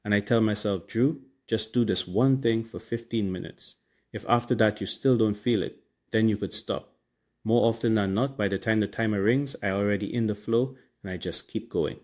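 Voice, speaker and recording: A Trinidadian man with a fairly low voice hosts a relaxed podcast. His accent is clear in his island slang and grammar as he gives casual, motivational talk. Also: normal speed. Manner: colloquial, Caribbean slang and grammar. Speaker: podcast host.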